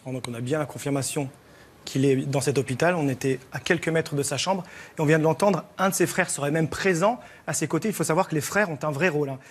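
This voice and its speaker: Higher-voiced male TV reporter. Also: fast, husky. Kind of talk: lively spoken report to studio.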